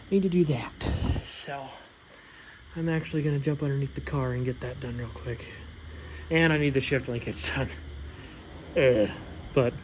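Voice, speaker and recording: A man's voice: fairly high pitch, a little hiss or hum. A man giving a casual, rambling update on fixing his car, with lots of fillers as he lists the jobs left. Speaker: vlogger working on his car.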